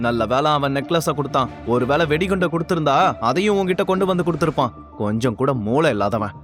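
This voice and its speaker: A man voicing a sour, sharp-tongued middle-aged mother in an audio story, muttering sarcastically. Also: fairly high pitch, expressive, fast, soft background music, voice pushed down, natural voice. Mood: sarcastic.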